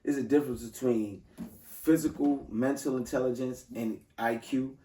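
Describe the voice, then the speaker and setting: A man's voice: mid-range voice, steady tone, normal speed, dark tone, far from the mic, a little hiss or hum. A man hosting a casual podcast chat, loose and slangy, often restarting his sentences. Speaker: podcast host. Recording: roomy sound from off mic.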